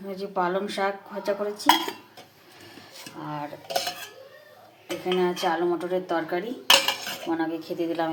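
A woman in her thirties talks warmly and homely to her viewers while cooking at home. Her voice sits a little low, and steady household noise runs under the phone recording. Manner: chatty, homely, addresses viewers as friends. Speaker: home vlogger. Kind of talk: casual daily-life vlog narration. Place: home kitchen and rooftop.

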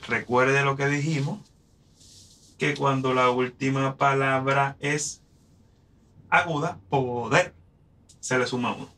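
Man, Puerto Rican accent, middle-aged, bright tone, patient teacher, counts syllables aloud. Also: mid-range voice, steady tone, slow, long pauses. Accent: Puerto Rican Spanish. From Puerto Rico. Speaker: poetry teacher. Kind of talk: explaining a lesson on verse and syllable counting.

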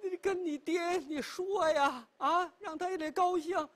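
A man voicing a doting, tearful and bossy old grandmother in a traditional storytelling performance, with drawn-out cries. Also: a bit bright. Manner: high wailing crone voice, drawn-out cries.

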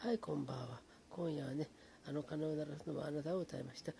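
A man talking in a hushed, low voice from his apartment late at night, greeting viewers by name and rambling in a relaxed way. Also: fast talker, gravelly, background noise. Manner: hushed, low-volume talk; relaxed, rambling, fond of fillers like うん. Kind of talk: casual late-night chat.

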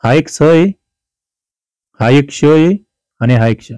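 Fast-talking male teacher, dark dry voice. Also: a little high, no echo. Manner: fast, chatty and teasing, calls students brother and sister. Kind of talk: exam-prep grammar lesson.

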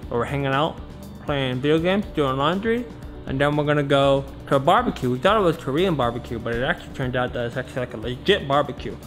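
Goofing around in his apartment, a young adult man chats casually to a handheld camera at arm's length. His medium-pitched voice is a bit bright and quick, with soft background music playing.

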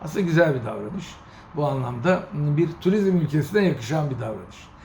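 Gravelly indignant man telling travel stories. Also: on the high side. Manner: animated, indignant, mimics officials in quick bursts. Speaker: host. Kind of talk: casual storytelling monologue. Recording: echoey room with faint ambient noise.

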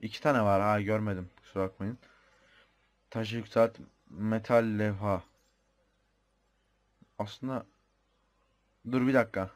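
A man's voice: fairly low pitch, steady tone, unhurried, long pauses. A young man with a Turkish accent giving casual commentary on his own gameplay, chatty and thinking aloud, muttering the odd mild swear. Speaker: gamer.

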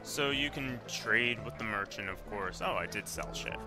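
A man's voice: on the low side, expressive, moderate pace, over loud music. A man casually commenting on his own gameplay, rambling and correcting himself as he goes. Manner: rambling, self-correcting, offhand. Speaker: let's play commentator.

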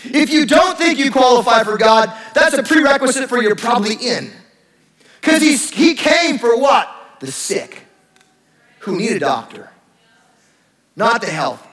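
A middle-aged male pastor giving a lively, joking sermon in a church. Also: very high-pitched, unhurried, pauses often, echoey room, poor audio. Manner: animated, joking, acts out sarcastic voices. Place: church sanctuary.

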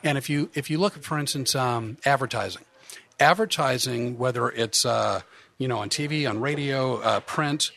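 A man speaking as a podcast guest, a comedian hypnotist who jokes about himself and explains at length, often restarting his sentences. His voice has a gravelly, rough edge and sits at a middle pitch. The talk is loose and casual. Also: moderate pace, fairly bright tone. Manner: joking, self-deprecating, explains at length with restarts.

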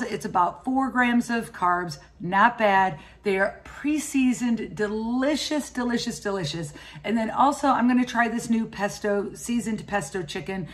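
A woman in her fifties, a cooking vlogger, chatting enthusiastically to the camera as she gives practical grocery and recipe tips. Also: mid-range voice. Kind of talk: casual shopping and cooking walkthrough. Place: indoors at home and in a grocery store.

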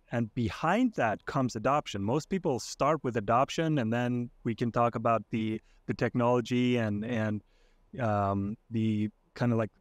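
A young Icelandic man with a mid-range voice, recorded dry, joins a podcast as a guest over a video call, wearing a headset in his home streaming room. The interview chat is casual, and he sounds hesitant, full of fillers and restarts.

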